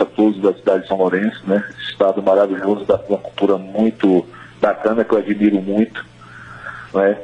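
Low-voiced Bahian man on a dull line. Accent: Bahian Brazilian. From interior of Bahia, Brazil. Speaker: phone-in guest, music project organiser. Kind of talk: radio interview, conversational. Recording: dull, band-limited remote call.

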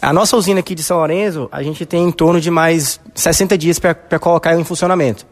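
A man's voice: fairly high pitch, steady tone, fast. A Brazilian man with a Brazilian Portuguese accent, a businessman answering a reporter confidently with many fillers. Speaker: solar energy businessman. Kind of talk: on-site news interview answers. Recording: echoey hall.

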